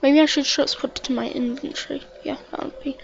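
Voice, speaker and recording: A woman's voice: high voice, fairly even intonation, brisk, creaky. A woman giving casual, stammering narration of a let's play, repeating words and chatting to the game as she plays. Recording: dull lo-fi mic with faint hiss.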